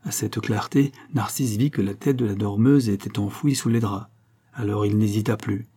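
A man narrates an audiobook in a measured, dramatic storytelling style. His voice is low and dark with a husky grain. The telling is steady and deliberate.

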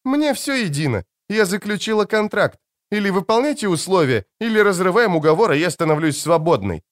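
A man's voice: high voice, sing-song, brisk, no room sound, clean studio sound, pitched above the performer's own voice. A man voicing a fiery, defiant young woman. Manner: sharp, mocking, shouting retorts. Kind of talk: audiobook character reading.

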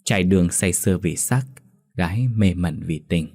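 A man narrating a story in a steady, measured way. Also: low-pitched, dry recording, studio quality.

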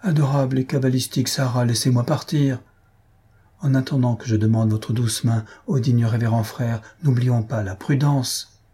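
A smooth-talking Frenchman in love from a storybook, tender and coaxing. His voice is dark, mellow and deeply husky. A man reads the part. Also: fairly even intonation, normal speed, natural voice.

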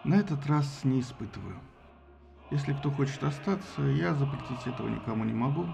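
A man's voice: mid-range voice, expressive, a little fast, vocal fry, music in the background. Agamemnon, a man doing a tired defeated commander. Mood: resigned. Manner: tired, resigned.

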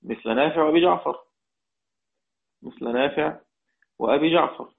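Explaining Quranic readings step by step, an Egyptian-accented man quizzes his class and repeats the key phrases. He talks fairly quickly in a fairly high voice with some vocal fry, and the sound is tinny and phone-like.

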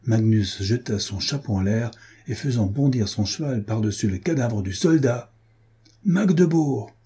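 A man reading a historical adventure novel aloud in a steady, measured narration. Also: on the low side, slightly rough. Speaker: audiobook reader. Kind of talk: scripted narration.

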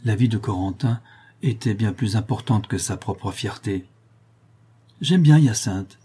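A man reading a historical novel aloud in measured storytelling narration. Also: fairly low pitch, steady tone, mellow, breathy edge. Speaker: audiobook reader.

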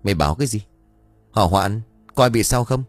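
Man playing a gruff stern master, low voice, scolding, audio story. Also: lively intonation, quick pace, dry recording, faint music behind, close to an everyday voice. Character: gruff stern middle-aged male household master.

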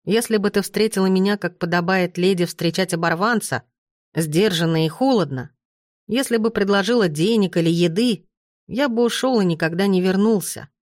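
A woman's voice: mid-range voice, normal speed, no room sound, clean studio sound, close to an everyday voice. A playful young ex-thief, read by a woman. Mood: earnest. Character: teasing young male ex-thief, playful and fond.

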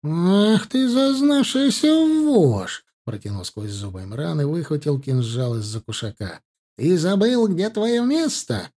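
A man's voice: medium pitch, sing-song, moderate pace, mellow, slightly rough. A man voicing a hot-tempered young male warrior who snarls threats. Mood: snarling.

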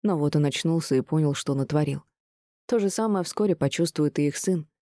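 A woman reading a novel aloud in an expressive audiobook narration. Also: low voice, fairly quick, dry recording, clean studio sound. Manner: expressive, even storytelling.

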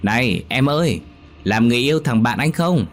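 A man plays a cocky young tough from the countryside, loud-mouthed and mocking, with a deep low voice. He talks roughly and teases without mercy in this spoken ghost story. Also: lively intonation, moderate pace, soft background music, natural voice. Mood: brash. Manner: brash, teasing, rough-talking.

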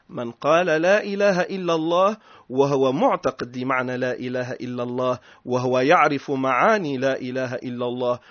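A man with a Tunisian accent, a sheikh giving a religious lesson, drawing out key phrases slowly and switching between classical and dialect speech. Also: a little high, no echo, highs cut off. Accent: Tunisian Arabic. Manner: slow, emphatic recitation of phrases, mixing classical and dialect.

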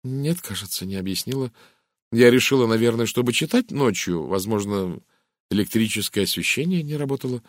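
A man voicing a puzzled young English wife in an audiobook, hesitant and sometimes sharp. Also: mid-range voice, expressive, fairly quick, no echo, studio quality, voice pushed up, close to an everyday voice. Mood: recalling.

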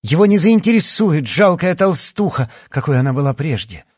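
Husky, expressive male audiobook narrator. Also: fairly high pitch, normal speed, dry recording, clean studio sound. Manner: expressive storytelling.

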